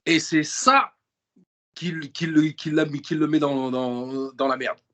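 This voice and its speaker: With a voice on the high side, a man takes his time as a guest in an interview. He chats in slang, emphatic and animated, and keeps restarting and repeating words.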